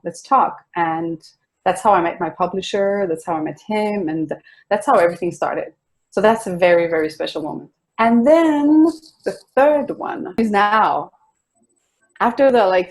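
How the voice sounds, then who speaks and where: A young woman with a Swedish accent talks in a relaxed, chatty way as an interview guest. Her voice sits a little low, with soft laughs and easy restarts. It sounds like a video call from home. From Sweden. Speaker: guest singer-songwriter. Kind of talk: casual interview chat. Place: home in a city apartment.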